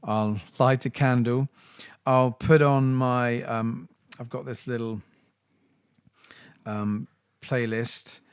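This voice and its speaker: Middle-aged man, podcast co-host, smooth resonant voice, enthusiastic storyteller, dry close sound. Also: medium pitch, fairly even intonation, takes it slowly, no echo. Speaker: podcast co-host, church leader. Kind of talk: casual conversation.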